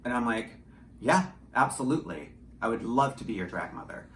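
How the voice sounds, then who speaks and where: An animated man with a medium-pitched, somewhat bright voice speaks a little fast as he discusses his creative work in a casual interview. He's an audio drama writer and director who talks a lot, downplays himself, and swears here and there. The setting is a small indoor home studio, and the audio carries roomy echo and faint background noise.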